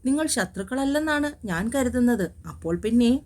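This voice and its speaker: A woman voicing a teasing, loyal young male best friend in an audio story, read in a mellow tone. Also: very high voice, animated, brisk, voice pushed up. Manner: playful, teasing.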